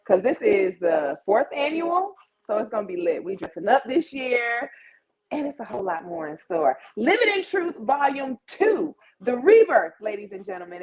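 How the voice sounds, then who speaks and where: This live chat show host, a woman about thirty, talks casually and slangily straight to her audience. Her voice is mid-range, and the audio quality is poor.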